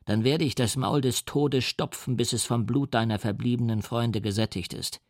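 A man voicing a huge, tormented male creature from an audiobook reading, speaking in a measured, grave way. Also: mid-range voice, fairly even intonation, a little mellow, no room sound, studio quality, close to an everyday voice. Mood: bitter.

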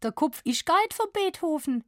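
A woman's voice: very high voice, very animated, normal speed, no room sound, studio quality, pitched above the performer's own voice. A woman voicing a dazed young girl who suddenly speaks with a Swabian accent.

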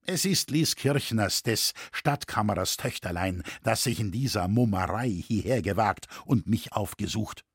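A man reading a proud, defiant older woodcarver in a husky voice. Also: on the low side, expressive, unhurried, hardly any pauses, no echo, clean studio sound, voice pushed down. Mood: earnest.

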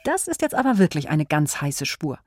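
Lively woman quizzing young listeners. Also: deep voice, moderate pace, music in the background. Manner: encouraging, asks the listeners questions. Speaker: host. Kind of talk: quiz host addressing children.

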